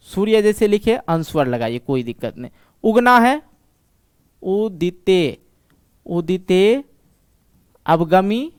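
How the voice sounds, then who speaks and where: Male Sanskrit tutor, high and clear, measured unhurried delivery, soothing coaching tone. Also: dry recording, studio quality. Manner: patient, reassuring, repeats words slowly. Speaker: Sanskrit teacher. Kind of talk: online exam-prep lesson.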